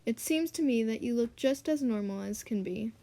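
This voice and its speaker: Storybook raven, easygoing and folksy, a bit high, as a woman reads him. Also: animated, normal speed, warm tone. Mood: friendly.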